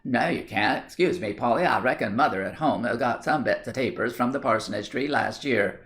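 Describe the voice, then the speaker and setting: A man's voice: mid-range voice, a little fast, fairly bright tone, close to an everyday voice. A man reading aloud and voicing a blunt, good-natured young village lad with broad rustic country speech and a joking manner. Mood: eager.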